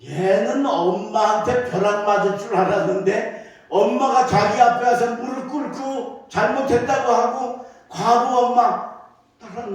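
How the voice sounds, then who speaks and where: An older male pastor telling a story during a sermon, animated and emphatic, piling on repeated words for effect. His voice sits a little higher than most men's and booms around a very echoey church sanctuary, picked up from a distance. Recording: echoey church hall from afar.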